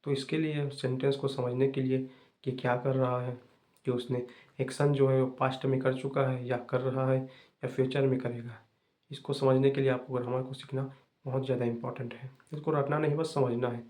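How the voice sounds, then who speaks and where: A young man hosting an English-learning channel, giving fast, repetitive, casual advice to viewers. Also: mid-range voice, little pitch movement, darkish tone.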